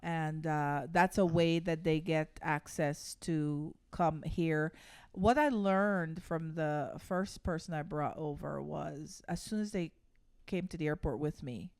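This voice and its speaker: A smooth, clear woman's voice, a little lower than most, recorded close and dry. She is a middle-aged woman from Guyana who co-hosts a family podcast and talks earnestly, with faith-filled conviction. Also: takes it slowly, few pauses, darkish tone, dry recording. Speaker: podcast co-host, runs a children's home. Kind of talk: casual family podcast chat.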